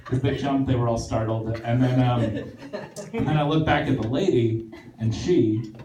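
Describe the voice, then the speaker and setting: A man's voice: medium pitch, normal speed, noisy background. A man doing stand-up on a theater stage, telling a story in a rambling, self-deprecating way with lots of fillers and restarts, while the audience laughs. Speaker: stand-up comedian. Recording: roomy echoey live theater recording from far off.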